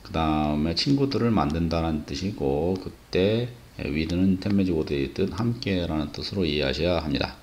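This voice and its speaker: A man teaching an English idiom lesson, explaining patiently and pausing on filler sounds. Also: deep voice, darkish tone, slight background noise.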